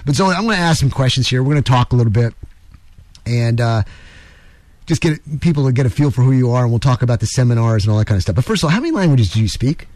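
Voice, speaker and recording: A man's voice: mid-range voice, lively intonation, fast, darkish tone, no echo. Jokey, rambling male radio talk-show host. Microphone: studio microphone.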